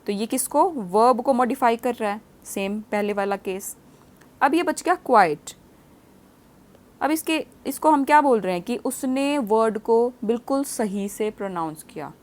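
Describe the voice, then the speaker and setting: A woman's voice: on the high side, lively intonation. A woman teaching a grammar lesson, explaining step by step and asking her students many quiz questions. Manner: reads example sentences slowly and clearly. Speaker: English teacher.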